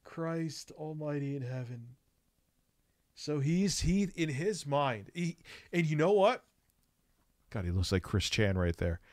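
A man's voice: fairly high pitch, expressive, slow pace, long pauses, a little mellow, no echo. Dry-voiced man giving mocking commentary. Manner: profane, mocking, laughs often. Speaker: streamer reacting to clips. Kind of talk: casual reaction commentary.

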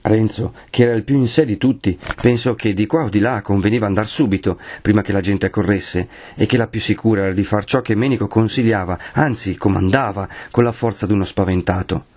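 Husky-voiced man reading aloud dramatically. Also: lowish voice, fairly quick, few pauses, darkish tone. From Italy. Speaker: audiobook reader. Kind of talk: audiobook narration of a classic novel.

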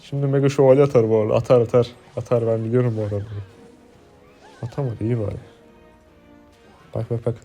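Foul-mouthed Turkish gamer venting. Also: male voice, mid-range voice, little pitch movement, fast, pauses often, soft background music. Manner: swearing, yells in frustration. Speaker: gaming streamer. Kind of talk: casual gameplay commentary.

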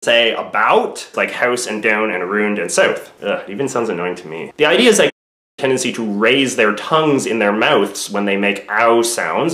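A man's voice: lowish voice, fairly bright tone. A man, a video creator, vlogging to camera in a playful, self-mocking way. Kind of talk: vlog to camera. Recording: roomy echoey room.

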